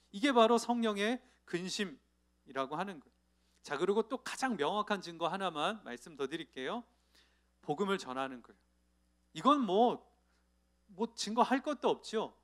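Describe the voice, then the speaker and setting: A male pastor preaching to a youth congregation in church, telling stories with lively acted-out voices and asking his listeners questions. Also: high voice. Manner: lively storytelling, acting out the people in his anecdotes; asks the audience questions directly. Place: church sanctuary.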